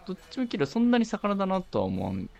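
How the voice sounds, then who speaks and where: A man with a Nagoya accent, a podcast co-host chatting in a relaxed, offhand way with quick reactions. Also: high-pitched, creaky. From Nagoya, Japan. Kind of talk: casual chat.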